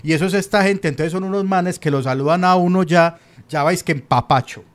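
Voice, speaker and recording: A man's voice: high voice, a little fast. A young man with a Colombian paisa accent, co-hosting a casual chat, rambling and opinionated with lots of slang. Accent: Colombian paisa Spanish. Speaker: podcast co-host.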